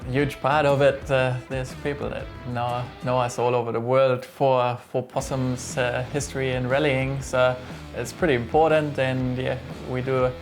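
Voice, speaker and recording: In this casual interview, a middle-aged German workshop owner talks about his workshop with a German accent, sounding relaxed but hesitant, full of fillers and restarts. His mid-range voice moves at a moderate pace with few pauses, and soft music plays in the background.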